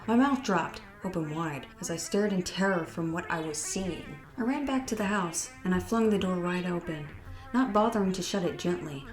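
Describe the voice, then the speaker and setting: A woman's voice: medium pitch, roomy sound. A woman narrating a scary holiday story in a dramatic, earnest reading. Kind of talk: scripted horror story narration.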